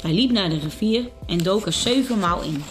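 A woman calmly and clearly reading children's Bible stories and picture books aloud. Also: mid-range voice, normal speed. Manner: calm, clear storybook reading. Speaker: storyteller. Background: faint music.

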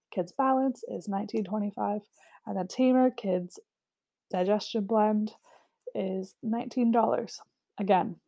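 A young woman talks her viewers through a product kit in an easygoing, chatty way, with many little fillers along the way. Her voice sits in an ordinary middle pitch but carries a gravelly fry and a dark, mellow color. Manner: chatty, filler-heavy, lists prices. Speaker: essential oil seller. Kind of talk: casual product walkthrough.

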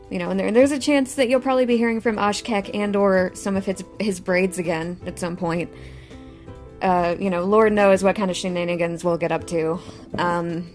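A young woman talks casually into her podcast mic, rambling a little with ums and restarts. Her voice sits at an ordinary middle pitch. Faint music plays behind her. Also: a little mellow. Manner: chatty with frequent fillers and restarts. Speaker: podcast host. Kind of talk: casual solo podcast chat.

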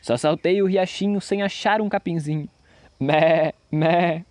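A man's voice: a little high, a little slow, darkish tone, no room sound, natural voice. A man voicing a greedy, lying nanny goat that bleats and speaks in sing-song rhymes. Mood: mocking.

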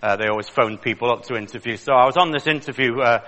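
Speaking fast in a medium-pitched, sharp-toned voice, this northern English man in his fifties presents creationist ideas in a chatty, joking public lecture. The large lecture hall gives the recording a long reverb.

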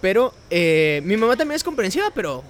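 A man's voice: sits high, very animated, a little fast. A young man with a Guatemalan Spanish accent telling a story in casual chat, acting out the quotes and laughing often.

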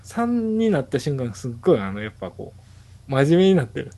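A man's voice: medium pitch, sing-song, brisk, mellow. A man in his forties with a Kansai accent, casually chatting with old friends on a podcast and nodding along often. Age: 40s. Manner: easygoing storyteller, lots of nodding back-channel. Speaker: podcast co-host. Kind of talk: casual late-night chat among old friends.

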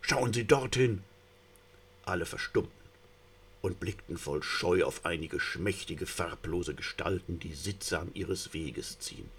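A man narrating a story in a theatrical reading, moving between hushed and rising tension. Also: deep voice, steady tone, unhurried, husky.

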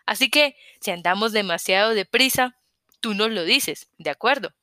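A woman's voice: medium pitch, animated, moderate pace, bright, forceful tone, dry recording, studio quality. A woman reading the part of a stocky male soldier who speaks in a friendly, apologetic way in an audiobook.

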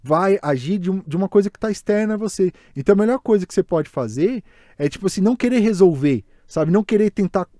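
A man chatting casually, circling around his point with restarts and fillers. His voice sits a bit high but sounds dark and mellow. The recording is dry and close. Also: lively intonation, fast talker, no room sound. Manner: rambling, many restarts and fillers. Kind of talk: casual podcast discussion.

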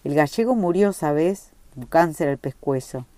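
A woman's voice: low-pitched, expressive, moderate pace, warm tone, dry recording. A woman reading a story aloud, voicing an exuberant, rambling young working-class man. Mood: boisterous.

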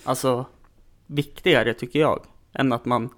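Jämtland-ish accent guy hosting, laid-back chat, lots of mm's. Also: medium pitch. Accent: half Jämtland Swedish. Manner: relaxed, frequent back-channel murmurs. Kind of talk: casual chat.

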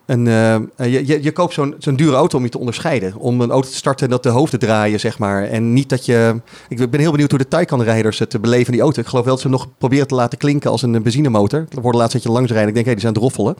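A man's voice: mid-range voice, rapid-fire, few pauses, a little mellow. A man co-hosting a podcast, curious and chatty, often restarting his sentences. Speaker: podcast co-host. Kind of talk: casual chat.

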